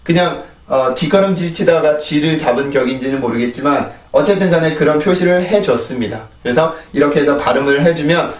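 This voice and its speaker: A fairly high-voiced man whose first language is Korean teaches English pronunciation, explaining each point patiently. He repeats the drill words slowly, again and again. The sound is roomy and echoey, with his voice set a little back from the microphone. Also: recorded from a distance. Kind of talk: casual spoken lesson. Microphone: desk microphone, phone camera.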